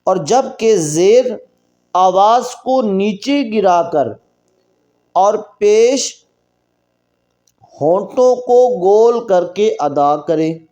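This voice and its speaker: A man with a Pakistani Urdu accent teaching Quran reading, explaining the rules quickly and then drawing out each letter slowly for practice. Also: sits high, animated, dark tone. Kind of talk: recorded reading lesson.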